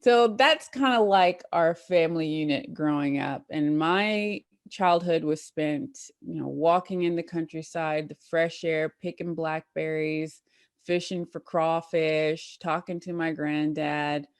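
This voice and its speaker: A soft-spoken woman from Tennessee, a small business owner, talking about her life in a relaxed way as an interview guest. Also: deep voice, unhurried, smooth, no room sound, clean studio sound. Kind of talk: casual interview chat.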